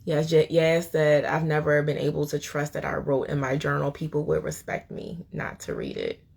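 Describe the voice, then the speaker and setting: A young woman hosts a live stream and talks casually to her viewers. Her voice is low and gravelly, with a rough fry at the ends of phrases. She rambles and uses lots of fillers as she chats. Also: animated, moderate pace, darkish tone. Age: young adult. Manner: chatty and rambling, with many fillers and laughs. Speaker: host of a live show.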